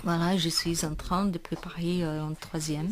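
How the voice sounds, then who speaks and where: A woman from Brazil with a Brazilian accent, a singer guesting in a radio studio, talking with laughter and halting French. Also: on the low side, flat delivery. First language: Portuguese. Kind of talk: casual interview chat.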